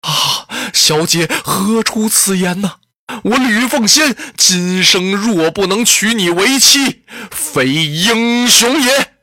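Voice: mid-range voice, slow, bright, forceful tone, no room sound, clean studio sound. A storyteller voicing an anxious, lovesick young warrior who speaks in earnest exclamations, in traditional Chinese storytelling.

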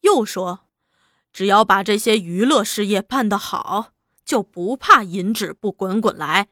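Woman reading a chinese novel aloud, bright voice, super lively, dry close sound. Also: medium pitch, a little slow, no room sound. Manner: expressive, lively storytelling. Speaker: audiobook narrator.

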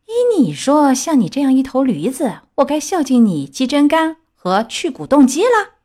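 A woman's voice: medium pitch, big pitch swings, normal speed, a bit bright. A woman voicing a bad-tempered, greedy circus master who scolds sarcastically, in a children's storybook reading. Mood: angry.

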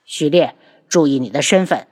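A woman's voice: low voice, animated, normal speed, a little mellow, slightly rough, pitched below the performer's own voice. A woman voicing a cold, proud young prince in an audiobook, speaking sternly.

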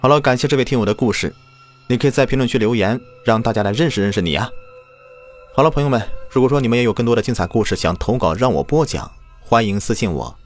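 Speaking fast at a medium pitch, a male host of a ghost story show gives a dramatic reading of a listener's submitted tale. There's faint background music.

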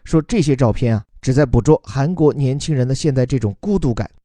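Man, English teacher, patient podcast lesson, mellow and dark tone, dry close sound. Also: medium pitch, a little fast, no echo. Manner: explains patiently, mixing Chinese with read-out English. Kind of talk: podcast lesson explaining a news article.

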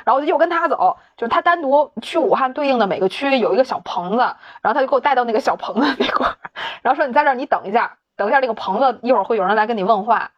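A woman's voice: a little high, lively intonation, rapid-fire, few pauses, muffled recording. A woman telling a story in casual chat, laughing often, swearing casually and acting out the dialogue. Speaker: podcast co-host.

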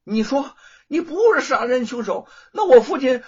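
A man voicing an arrogant, bullying young rich man who speaks in a shrill, blustering, sneering way in a storytelling performance. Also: very animated, unhurried, fairly bright tone, lo-fi sound, exaggerated voice. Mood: shrill accusing.

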